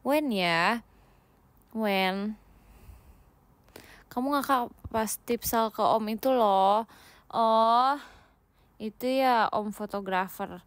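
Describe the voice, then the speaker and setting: A woman's voice: on the high side, very slow, long pauses, smooth, dry recording. A young woman from Indonesia chatting casually with viewers on a livestream, playful and giggly, mixing in English words while lying down at home. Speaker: idol livestreamer.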